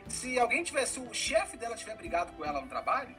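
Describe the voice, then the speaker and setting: Man explaining in bright tone. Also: extremely high pitch, sing-song, fast talker, faint music behind, low-quality recording. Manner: thoughtful, explanatory. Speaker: host. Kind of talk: casual discussion.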